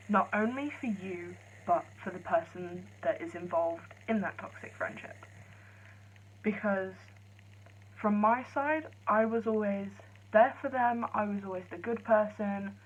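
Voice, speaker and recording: A woman talking quietly in a chatty, rambling vlog, filmed on her phone. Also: mid-range voice, slight background noise. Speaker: vlogger. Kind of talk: casual vlog chat. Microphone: phone camera. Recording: lo-fi phone audio.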